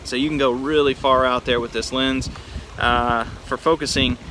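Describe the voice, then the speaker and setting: A man's voice: medium pitch, steady tone, moderate pace, bright, forceful tone, rough recording. An American man from Texas speaking casually and informally from his backyard, giving a hands-on demonstration to camera. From Texas, United States. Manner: informal, laid-back address from the backyard. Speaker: vlogger presenting vintage cameras. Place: outdoors in a backyard by a pool. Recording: outdoor backyard with faint background noise. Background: faint outdoor pool noise.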